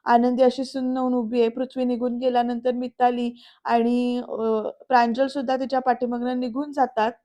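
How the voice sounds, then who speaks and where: A woman's voice: on the high side, flat delivery, moderate pace, warm tone. A woman narrating a voice-over recap of a TV serial episode, retelling scenes and quoting the characters with heated emphasis.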